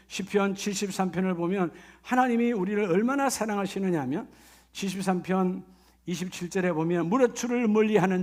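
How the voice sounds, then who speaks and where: A middle-aged male pastor, preaching a sermon with rising exclamations and questions to the congregation. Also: high-pitched. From Gyeongsang Province, Korea.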